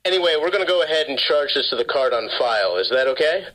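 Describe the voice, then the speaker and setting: A man's voice: medium pitch, expressive, quick pace, a bit bright, faint music behind. A man posing as a phone company caller, speaking in a scripted, repetitive sales-call manner over a garbled phone line that keeps breaking up.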